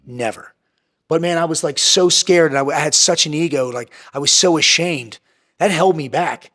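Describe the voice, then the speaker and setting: A former Navy SEAL turned entrepreneur, appearing as a guest on a candid podcast interview, speaks bluntly and intensely with a fairly high, sharp-toned voice. He swears heavily and repeats lines for emphasis, lurching between quick bursts and slower, drawn-out phrases as he lays it all out.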